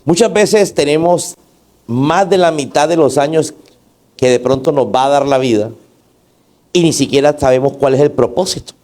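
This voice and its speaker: A man's voice: fairly high pitch, moderate pace, darkish tone. A man preaching a sermon in church, asking the congregation to repeat after him and posing rhetorical questions. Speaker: pastor.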